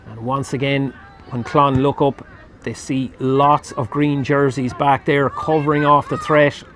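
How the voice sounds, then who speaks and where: Calling a match live, this Irish-accented commentator speaks unhurriedly in a level, fairly bright tone. Scoring chances make him jump sharply in pitch and loudness.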